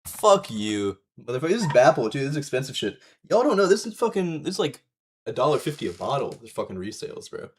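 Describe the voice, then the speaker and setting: Sweary, animated gamer bro, male streamer, slightly husky. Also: mid-range voice, fast talker. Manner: hyped gamer-bro talk, sweary and slangy. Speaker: live streamer hosting a game stream. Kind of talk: casual gaming livestream chat.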